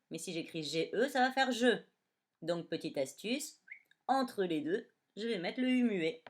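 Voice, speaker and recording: A woman teaching a dictation lesson to young children, sounding out words syllable by syllable. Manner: slow, syllable-by-syllable spelling with lively pitch. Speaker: primary school teacher.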